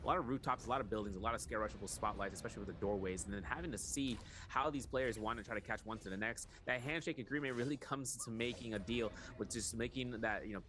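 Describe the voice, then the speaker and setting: A man calling an esports match with rapid play-by-play commentary, rattling off each player's moves. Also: lowish voice, background noise. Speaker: esports caster.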